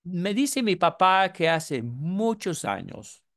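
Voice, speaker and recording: A man's voice: sits high, big pitch swings, slow pace, fairly bright tone. A man in his seventies, from the United States, preaching a sermon and telling a story in an earnest way. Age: 70s.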